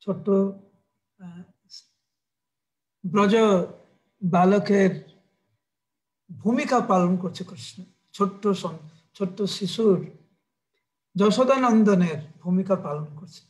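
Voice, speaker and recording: A man preaching a devotional sermon, retelling a sacred story in an animated, dramatic way. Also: high voice, takes it slowly, pauses often.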